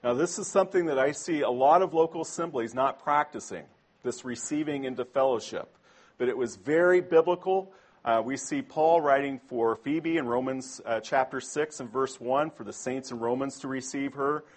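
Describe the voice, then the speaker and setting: A man's voice: mid-range voice, normal speed. A man preaching a sermon to a congregation in a conversational way, often asking them questions.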